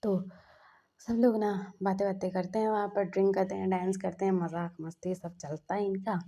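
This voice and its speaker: Gravelly-voiced woman chattily retelling a story. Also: mid-range voice, flat delivery, mellow. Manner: chatty, acts out the dialogue in quick asides. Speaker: fan fiction storyteller. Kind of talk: casual spoken fan fiction retelling.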